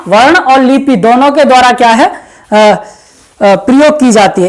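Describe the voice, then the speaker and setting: Speaking in a high-pitched voice, a woman walks through an exam-prep grammar lesson one step at a time. She leans heavily on repeated fillers and calls the people watching her friends.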